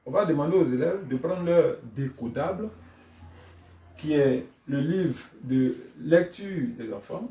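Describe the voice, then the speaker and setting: A man with a slightly high voice walks teachers through a reading lesson at a slow, measured pace, chanting syllables aloud to demonstrate. He is heard from some distance in an echoey classroom. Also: warm tone. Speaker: teacher trainer. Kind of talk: instructional tutorial for teachers. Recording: echoey room, voice from far off.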